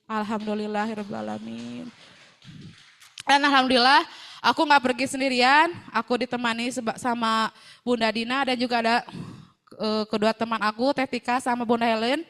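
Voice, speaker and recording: A woman's voice: on the high side, steady tone, normal speed, creaky, fairly bright tone. A young woman, chatting through a personal testimonial with many devout phrases. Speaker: seller sharing a success story.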